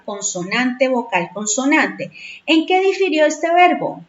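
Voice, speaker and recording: A woman explains English grammar in a slow, patient way, often asking her class if they follow. Her voice is a little high and sounds distant in an echoey room. The recording is dull and lo-fi. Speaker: English teacher. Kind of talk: bilingual grammar lesson.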